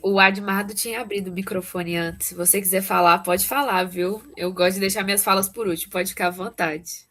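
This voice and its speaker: Uma mulher que media um clube do livro numa chamada de vídeo, convidando os outros a falar com cordialidade. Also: female voice, medium pitch, fairly even intonation, fairly quick, few pauses, a bit bright. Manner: friendly, inviting others to speak. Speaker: book club mediator. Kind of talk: casual meeting talk. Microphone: video call.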